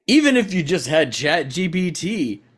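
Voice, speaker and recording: A man's voice: on the high side, sing-song, normal speed, slightly rough. A man co-hosting a podcast, joking around in casual chat and laughing often. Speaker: podcast co-host.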